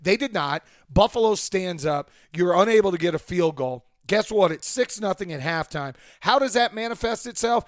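Male football podcaster, high register, worn and hoarse from a cold, opinionated and emphatic delivery, dry recording. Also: lively intonation, moderate pace, few pauses, no echo. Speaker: sports podcast host.

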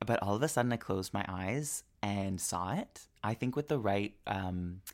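A woman's voice: extremely low pitch, expressive, moderate pace, darkish tone. A woman co-hosting a podcast in casual chat, playful and theatrical, joking and swearing for laughs. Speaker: podcast co-host.

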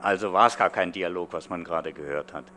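A man's voice: sits low, fast, bright, forceful tone. A man, a professor, giving analytical commentary in an interview. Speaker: philosophy professor. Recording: humming, faintly noisy background.

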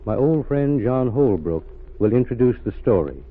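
A man's voice: mid-range voice, expressive, slightly rough. A man playing a former secret agent adventurer who narrates solemnly and formally in 1930s radio style. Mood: solemn, measured. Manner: measured, formal. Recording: muffled phone-like 1930s radio recording.

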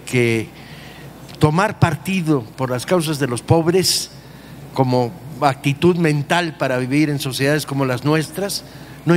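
Deliberate, fairly high-voiced man making an argument. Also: a little hiss or hum. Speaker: discussion participant. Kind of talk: unscripted analytical panel discussion.

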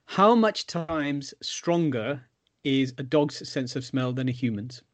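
A man's voice: mid-range voice, slow. A British man co-hosting in casual banter with dry, teasing humour. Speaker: podcast co-host.

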